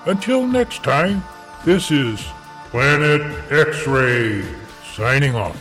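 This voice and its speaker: A man's voice: fairly high pitch, animated, takes it slowly, a bit bright. A man playing a grandiose alien broadcaster who tells a tale of Earth with theatrical self-importance. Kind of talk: story narration in character. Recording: with music behind.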